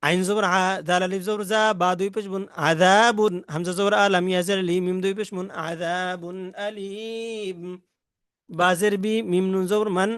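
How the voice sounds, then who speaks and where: A man with a Bangladeshi accent teaching Quran reading rules, spelling out Arabic letters and vowel marks in slow, repetitive drills. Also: high-pitched, fairly even intonation, fairly bright tone, smooth, no room sound, studio quality.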